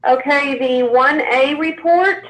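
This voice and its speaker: High woman on a crackly cordless phone. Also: fairly bright tone. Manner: brisk, procedural. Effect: crackly cordless phone line. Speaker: board meeting chair. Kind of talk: calling in to a board meeting. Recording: echoey phone line.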